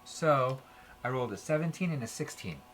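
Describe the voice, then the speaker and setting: A man's voice: mid-range voice, expressive, moderate pace, a bit bright, faint music behind. A man playing a tabletop game, stating his character's actions directly in the first person. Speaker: player. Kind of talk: casual tabletop game play.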